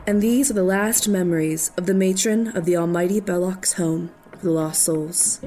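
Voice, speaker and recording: A woman narrating the last memories of an orphanage matron, in a measured, scripted storytelling voice. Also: fairly low pitch, natural voice. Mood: ominous. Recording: narration over loud music.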